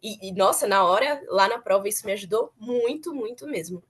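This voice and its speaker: A woman's voice: medium pitch, animated, fairly quick, husky. A young woman chatting earnestly as an interviewee, repeating words for emphasis. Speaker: former student interviewee. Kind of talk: casual interview chat.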